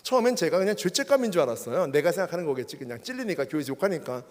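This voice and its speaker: Animated high-voiced male preacher. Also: very fast. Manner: animated, keeps addressing the crowd with rhetorical questions. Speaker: guest preacher. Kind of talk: sermon with personal testimony. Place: church worship service. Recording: long hall reverb.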